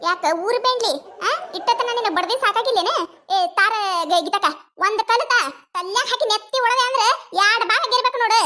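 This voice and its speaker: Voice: very high-pitched, fairly quick, bright, forceful tone. A performer voicing a meddling village woman in a cartoon, cackling and egging others on. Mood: gleeful. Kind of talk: cartoon voice acting.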